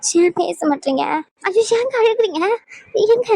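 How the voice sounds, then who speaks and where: A woman's voice: extremely high pitch, animated, unhurried, warm tone, no room sound, heavily acted. A woman voicing a worried, stubborn young pregnant wife in a cartoon, pleading and pressing with questions. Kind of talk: cartoon voice acting.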